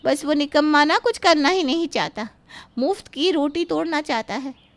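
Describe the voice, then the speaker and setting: A woman voicing a worried, sharp-tongued middle-aged mother who complains about her son in a storybook cartoon. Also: sits high, moderate pace. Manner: complaining, scolding.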